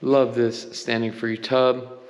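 Speaking slowly in a level, mid-range voice, a man shows off a house for sale, enthusiastically but casually noting details while filming handheld. He is a real estate agent touring empty, large bare rooms, and the recording has a long reverb.

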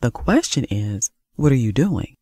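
A narrator voicing an angry young woman who speaks in sharp, sarcastic accusations in an audiobook. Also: extremely low pitch, sing-song, unhurried, husky, no echo, clean studio sound, heavily acted. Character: furious young woman confronting her ex. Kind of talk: audiobook character voice.

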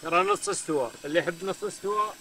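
Quick, high-pitched Gulf Arabic man. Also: pushed and bright, slight background noise. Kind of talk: casual chat.

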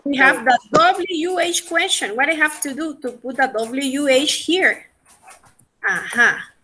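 A woman's voice: high-pitched, takes it slowly, bright, forceful tone, a little hiss or hum. A middle-aged woman teaching a conversation class, mixing Spanish and English and coaxing her students along with questions and prompts.

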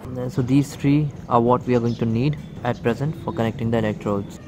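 A man's voice: medium pitch, fairly even intonation, brisk, noisy background. Man demoing a welder, chatty steps. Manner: addresses viewers as "guys" often, step-by-step. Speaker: electronics video host. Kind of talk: hands-on product demonstration. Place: outdoor table beside plants.

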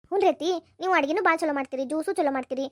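A woman's voice: sits high, racing, no room sound, studio quality, close to an everyday voice. A woman doing a cheeky cartoon granddaughter. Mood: eager. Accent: North Karnataka Kannada. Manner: eager, persuasive. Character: clever, cheeky young granddaughter.

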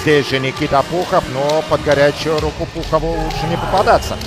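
A man doing live hockey commentary as a play-by-play announcer, emphatic and excited in his goal calls. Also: on the high side, a little fast, music in the background.

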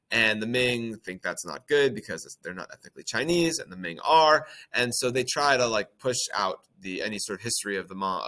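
Male teacher, bright clear tone, relaxed lecture full of ums and playful asides. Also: lowish voice. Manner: conversational, with many ums and playful acted-out quotes. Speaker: history teacher. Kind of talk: casual lecture.

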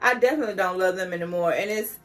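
A slightly tipsy woman in her thirties chatting casually to camera at home, loose and candid, with expressive, colloquial dramatic emphasis. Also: fairly low pitch, very fast, soft background music. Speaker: vlogger answering questions. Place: small decorated room at home, indoors.

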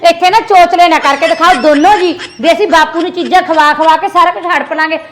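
A woman's voice: very high voice, steady tone, quick pace, slight background noise. A woman playing a jealous younger daughter-in-law. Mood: quarrelling. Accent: Malwai Punjabi. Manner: quarrelsome, scolding.

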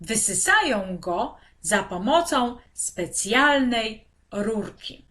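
A patient mother from a children's storybook explains things calmly and slowly, as a woman teacher reads her part. Her words are unhurried and carefully spaced. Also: fairly high pitch, heavily acted.

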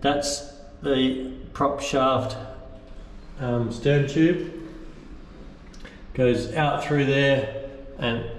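A man in his thirties, a boat restorer and vlogger, speaks very slowly with long pauses in a mid-range, steady voice. He gives a plain-spoken, casual rundown of repairs, thinking aloud from inside a bare steel hull, where the metal room echoes and background noise is audible.

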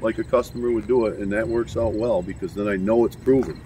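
A plain-spoken, middle-aged sawmill worker who tests equipment casually explains practical shop know-how in a workshop and outdoor yard. His lowish voice is warm and fairly even, moving quickly. The audio comes from a distant, noisy on-location camera.

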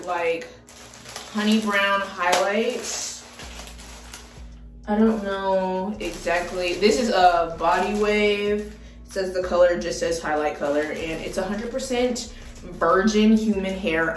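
A young woman chatting casually in a beauty vlog, excitable and full of dramatic exclamations. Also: mid-range voice, slow, recorded from a distance. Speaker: beauty vlogger. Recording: roomy, mic set back, faint music.

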